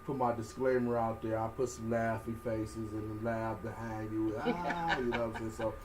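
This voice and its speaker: A man's voice: fairly low pitch, steady tone, normal speed, darkish tone, a little hiss or hum, low-quality recording. A man hosting a casual talk show, laid-back and agreeable, often chiming in with short affirmations. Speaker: host. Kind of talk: casual chat.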